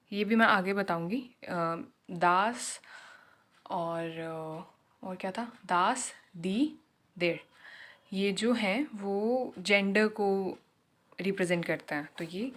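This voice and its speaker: Unhurried woman sharing class notes. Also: mid-range voice, fairly bright tone. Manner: unhurried, switching Hindi and English, self-correcting. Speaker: German learner teaching her class notes. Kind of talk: casual lesson.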